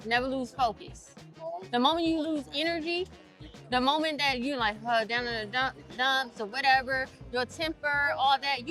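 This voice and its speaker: A woman's voice: high voice, bright, forceful tone. A woman from Maryland, a podcast guest talking in a casual chat, emphatic and punchy, repeating her points for force. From Maryland, USA. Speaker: podcast guest, insurance agency owner.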